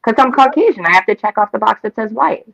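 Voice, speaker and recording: A talk show co-host from Staten Island, New York, chats fast in an animated, opinionated way, emphatic, repetitive, and casually profane. Her slightly high, fairly bright voice has vocal fry and lively intonation, though the audio sounds dull.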